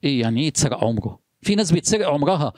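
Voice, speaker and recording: Fast-talking Egyptian preacher man. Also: fairly high pitch, big pitch swings, no room sound, studio quality. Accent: Egyptian Arabic. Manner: asks the listener rhetorical questions in quick succession; shifts between urgent speech and hushed, slowed phrases. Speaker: religious speaker. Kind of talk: motivational sermon talk.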